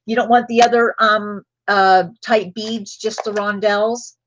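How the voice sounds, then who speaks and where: Slow, chatty woman hosting a live sale. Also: medium pitch, fairly even intonation, muffled recording, a little hiss or hum. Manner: chatty, drifts into personal stories between items. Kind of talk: casual live-stream selling chat.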